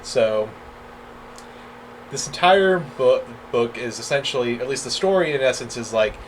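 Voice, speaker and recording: A man's voice: mid-range voice, lively intonation, moderate pace, low-quality recording. Man, from the American South, podcast co-host, rambling casual film talk, faint background noise. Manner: rambling, filler-heavy, restarts with "like". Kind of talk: casual chat about films.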